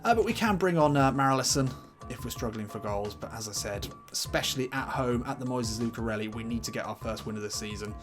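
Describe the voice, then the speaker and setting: Animated and fast, a male gaming YouTuber with a mid-range voice riffs casually on a football video game, chattering and thinking aloud about the team he'll choose. Music plays in the background.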